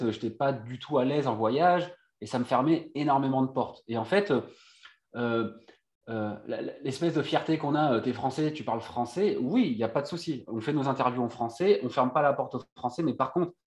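A man from France talks as an interview guest, stopping and restarting his sentences and repeating words as he searches for them. His voice has an average pitch. The room around him rings with a noticeable echo. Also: a little mellow. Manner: halting, stacked fillers and restarts. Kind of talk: casual interview talk. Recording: echoey room.

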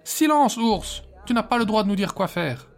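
A man voicing a band of excited village children who shout and taunt. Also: high-pitched, moderate pace, soft background music, pitched above the performer's own voice. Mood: bossy.

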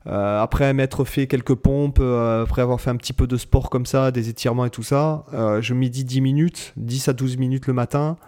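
Mellow-voiced man, hesitant podcast host. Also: mid-range voice, steady tone, moderate pace, hardly any pauses. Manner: hesitant, rambling, repeats words. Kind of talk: casual podcast chat.

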